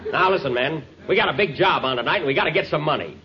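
A man's voice: fairly high pitch, animated, fast talker, a loud crowd, very noisy, natural voice. A man playing a fussy, exasperated gang boss and wry announcer in an old radio comedy. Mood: bossy, exasperated. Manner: wry, bossy, nagging. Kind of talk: 1930s radio comedy acting. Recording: muffled old radio recording with music.

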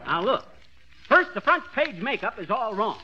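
A cocky, scheming husband trading screwball wisecracks in an old radio comedy. His voice is high for a man and very bright, with lively swoops. The recording is dull and dated. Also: moderate pace. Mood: eager, pushy. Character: brash, pushy husband full of crackpot schemes. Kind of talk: 1940s radio comedy acting.

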